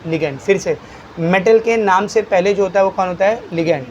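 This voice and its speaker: A male teacher runs a chemistry lesson in a fairly high voice. He fires questions at his students, calls them "beta" and answers the questions himself. A faint hiss of noise sits under the recording. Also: fairly quick, highs cut off. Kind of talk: classroom lecture.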